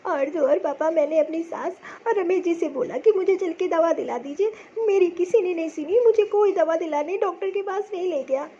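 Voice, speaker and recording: A very high, weepy young wife, voiced by a woman, ill and pleading to be taken home. Her cartoon voice complains softly and sadly. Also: normal speed, hardly any pauses, dull audio. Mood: tearful. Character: sick young married woman, tearful and pleading. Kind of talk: cartoon voice acting.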